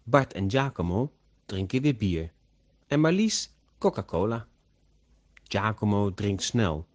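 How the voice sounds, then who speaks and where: A man narrating a story slowly and carefully, as an audiobook for language learners. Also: on the low side, sing-song, a little mellow. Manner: slow, carefully pronounced.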